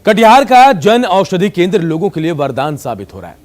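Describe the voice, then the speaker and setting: A man's voice: sits high, sing-song, a little fast. A male news anchor giving voice-over reports.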